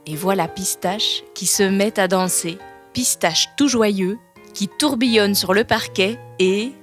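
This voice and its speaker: A woman reading a children's storybook aloud, softly and expressively. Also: medium pitch, slow, soft background music.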